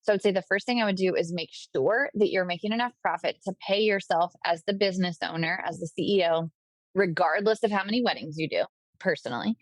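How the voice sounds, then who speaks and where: A woman's voice: lowish voice, no room sound. A woman guest on a podcast, talking enthusiastically and casually as she gives business advice to wedding pros. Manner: enthusiastic, upbeat, advice-giving. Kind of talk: casual interview talk.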